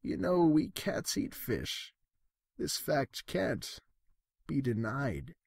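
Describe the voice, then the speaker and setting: Man acting as sinister male storybook cat, husky, lively swooping pitch, coaxing trickster manner. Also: slow, no room sound, clean studio sound, full character voice. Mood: quietly sinister. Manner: smooth-talking, theatrical, rhyming.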